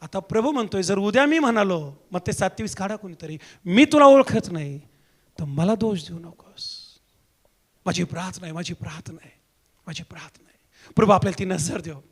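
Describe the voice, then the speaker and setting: A male pastor preaching a fervent sermon in repeated rhythmic calls to the congregation, swinging between hushed and shouted lines. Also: high-pitched, expressive, a little fast.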